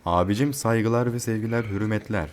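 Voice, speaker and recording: A man playing a horror game and commenting, joking and swearing, yelling in panic when chased. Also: fairly low pitch, a little fast, noisy background. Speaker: gamer.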